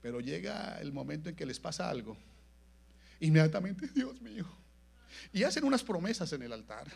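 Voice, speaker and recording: Man, pastor, Latin American Spanish accent, sermon, high voice, gravelly, swings between murmurs and emphatic preaching, church. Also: very animated, fairly quick, a little mellow. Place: church sanctuary.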